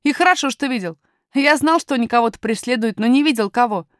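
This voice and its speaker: A woman's voice: on the high side, fast talker, no echo, clean studio sound, pitched above the performer's own voice, close to an everyday voice. Woman voicing a firm young miner boy. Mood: earnest. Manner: firm, matter-of-fact, lecturing. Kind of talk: audiobook character voice.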